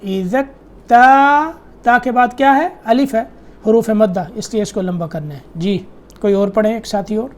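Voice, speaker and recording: A middle-aged man teaching Quran recitation, correcting students with brisk explanations and quick questions. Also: high-pitched, a little mellow. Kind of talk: tajweed lesson correcting students.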